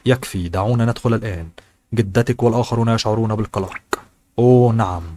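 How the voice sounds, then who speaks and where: A man's voice: fairly low pitch, quick pace, mellow, close to an everyday voice. A man reading the lines of a stern, cold middle-aged father in a novel audiobook, firm and commanding.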